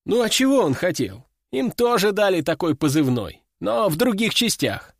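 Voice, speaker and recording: Male narrator, first-person audiobook, lively tone, slightly raised pitch, dry close mic. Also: moderate pace, gravelly, no room sound. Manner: lively, expressive storytelling.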